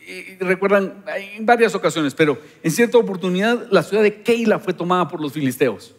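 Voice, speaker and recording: A man's voice: high-pitched, expressive, brisk, big-room sound. A male pastor preaching a sermon, telling stories and acting out dialogues with God.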